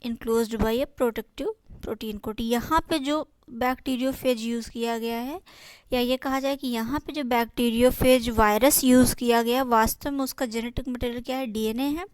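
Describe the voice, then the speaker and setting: A woman's voice: fairly high pitch, fairly even intonation, a little mellow, clean tone, dry recording. Woman teaching biology, Hindi and English. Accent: Indian. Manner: reads English lines slowly, then explains in Hindi; asks and answers her own questions. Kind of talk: exam-prep lesson.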